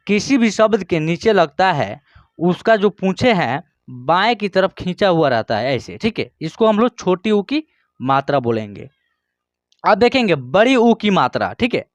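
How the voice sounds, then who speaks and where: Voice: medium pitch, no room sound, dull audio. A teacher giving a beginner alphabet lesson. They explain patiently, check in with the learner constantly, and drill syllables aloud one by one.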